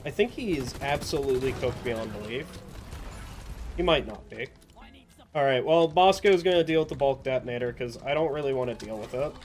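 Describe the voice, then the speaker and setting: A man's voice: medium pitch, lively intonation, brisk, slight background noise. Rambling chatty man narrating gameplay. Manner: rambling, chatty, self-mocking, trips over words. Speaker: gameplay commentator. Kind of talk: casual gameplay commentary.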